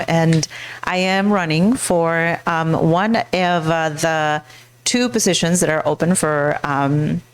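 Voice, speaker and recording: A middle-aged woman from Mexico speaks earnestly into a handheld mic, introducing herself as a school board candidate. Her voice sits low, and she pauses often, restarting sentences as she feels her way along. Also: smooth. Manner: earnest, halting, with many fillers and restarts. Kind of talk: personal speech to a live audience.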